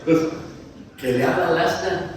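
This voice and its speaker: A male preacher who gives a lively sermon, jokes with the congregation, asks them questions and acts out the story. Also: on the high side, moderate pace. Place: church hall. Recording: very echoey church hall, mic far off, faint noise.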